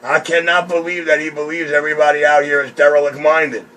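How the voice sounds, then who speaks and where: A man's voice: fairly high pitch, level tone, fairly quick. A man talking over CB radio, mocking and complaining about another operator. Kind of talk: radio chatter. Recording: distant radio audio with faint hiss.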